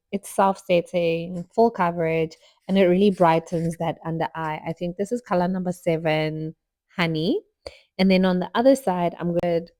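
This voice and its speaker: A woman's voice: on the low side, darkish tone, dry recording. A young woman chatting casually through a makeup tutorial at home, friendly and full of fillers. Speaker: beauty vlogger. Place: home, indoors.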